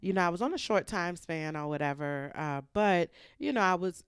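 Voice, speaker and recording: A woman hosting a podcast, telling a story in a chatty, animated way, acting out the people she quotes. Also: lowish voice, smooth, no echo, studio quality. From United States. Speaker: podcast host. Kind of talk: casual storytelling monologue. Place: hotel room.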